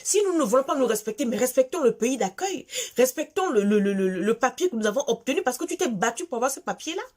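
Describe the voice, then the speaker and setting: A woman's voice: high-pitched, very animated, fast talker, a little mellow. A woman from Gabon with a Gabonese French accent, delivering an emphatic, scolding monologue to her viewers and repeating phrases for force. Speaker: vlogger. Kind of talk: impassioned monologue addressed to viewers.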